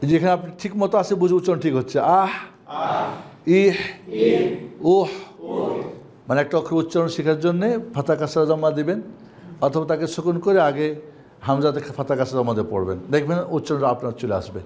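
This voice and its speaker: A man with a Bangladeshi accent teaching Quran reading in an online class, drilling Arabic sounds in slow call-and-repeat. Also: a little high, darkish tone.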